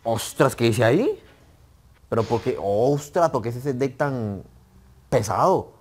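A man with a Spain Spanish accent giving excitable live commentary on a game he is playing. He swears casually and talks straight to the game. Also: mid-range voice, measured pace. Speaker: gaming YouTuber.

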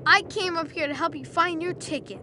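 With train noise behind, someone acts out a confident, resolute young hero in a video game, brave and earnest. The delivery is very high-pitched and fairly quick.

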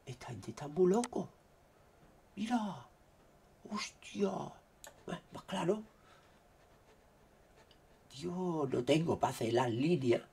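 Excitable gravelly man from Spain. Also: a little high, takes it slowly, pauses often. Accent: Spain Spanish. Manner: excitable, exclaiming, keeps saying "look". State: throat dry after a cold. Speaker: vlogger. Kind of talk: casual commentary on screen recording.

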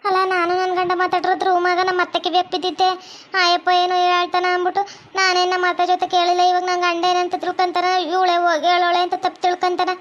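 A woman's voice: extremely high pitch, monotone, quick pace, dull audio. A woman voicing a wronged young daughter-in-law in a cartoon comedy, pleading and defensive, with a North Karnataka Kannada accent.

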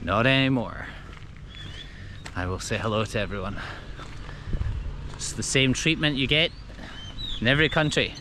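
With traffic noise behind him, a man narrates a casual vlog while walking a busy street, upbeat and chatty and greeting people along the way. He's a travel vlogger with a mid-range voice, moderate pace, and long pauses.

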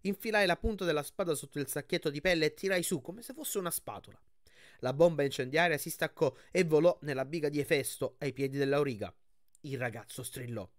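Man, audiobook reader, fairly high voice, expressive, dry close sound. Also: no echo. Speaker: audiobook reader and channel host. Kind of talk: reading a novel aloud, then commenting.

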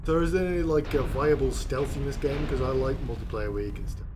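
A man co-hosting a casual podcast, relaxed and teasing in his banter. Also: mid-range voice, quick pace. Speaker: podcast co-host. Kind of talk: casual chat. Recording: noisy home recording.

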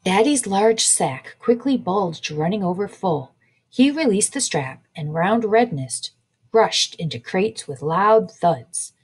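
Breathy woman reading a picture book aloud. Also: mid-range voice. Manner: slow, expressive storytelling. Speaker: children's librarian.

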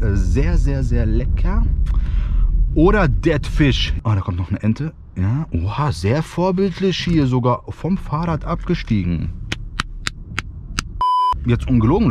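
A young man talks casually to camera inside a car, with plenty of vehicle noise around him. His mid-range voice jumps around in pitch, and he speaks in excitable slang with frequent exclamations. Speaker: vlogger. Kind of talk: casual challenge vlog, youth slang. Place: inside a small car, often driving. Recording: noisy car interior, road rumble.

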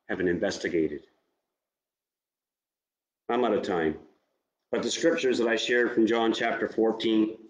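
Male pastor, sermon, earnest direct appeals, lowish voice, echoey church. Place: church sanctuary.

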